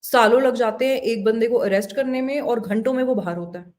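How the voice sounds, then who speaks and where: A woman delivering pointed political commentary in a fairly high voice. She sounds indignant and argumentative, and she slips English phrases into her speech. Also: a little fast, a little mellow, a little hiss or hum. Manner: indignant, mixes Hindi-Urdu with English. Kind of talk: opinion commentary to camera.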